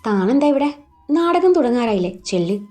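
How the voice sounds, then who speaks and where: A woman's voice: fairly high pitch, big pitch swings, fairly quick, darkish tone, faint music behind. A woman voicing a young man, an earnest and protective lover, who speaks in firm, clipped questions in a read-aloud romance story. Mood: stern.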